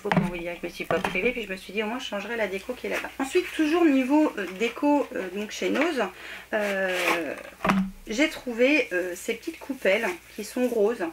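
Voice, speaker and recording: A woman's voice: medium pitch, a little hiss or hum. A woman chatting casually to camera about her decor haul, full of hesitations and self-corrections. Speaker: home decor haul vlogger.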